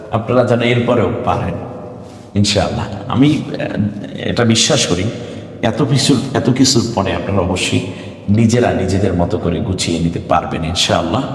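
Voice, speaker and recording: A man teaching Quran reading step by step, patiently coaxing his students and slowly chanting the Arabic words he spells out. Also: fairly low pitch. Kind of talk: step-by-step recitation lesson. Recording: roomy hall echo.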